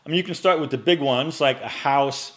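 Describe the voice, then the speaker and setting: Late-forties man, mid-pitched, casual style vlogger answering questions, loose and chatty with plenty of uhs, close mic in a home studio. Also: a little fast. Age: 40s. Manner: relaxed, chatty, with many fillers and restarts. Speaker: men's style YouTuber. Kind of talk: casual Q&A vlog. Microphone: microphone in front of him.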